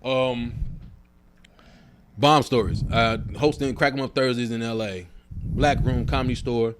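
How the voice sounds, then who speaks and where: A man's voice: mid-range voice, fairly even intonation, a little slow, slight background noise. A young man, a stand-up comedian, telling stories animatedly with a lot of swearing and acted-out voices. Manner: profane, acts out quoted voices. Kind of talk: animated storytelling.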